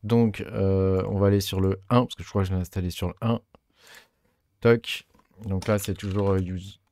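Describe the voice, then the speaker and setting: Fairly low-voiced man for a tech walkthrough: halting, filler-heavy, chatty, dry close sound. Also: fairly even intonation, a little mellow, no echo. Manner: hesitant, many fillers and restarts; chatty, self-mocking asides. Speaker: tech tutorial host. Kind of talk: casual screen-recorded tutorial.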